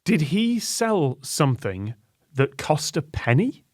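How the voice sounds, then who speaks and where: A man guesting on a podcast quiz, eagerly thinking aloud. His voice is high and very lively, rising and falling a lot. The sound is dry and close. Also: slow, no room sound. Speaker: panel guest. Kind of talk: casual podcast banter.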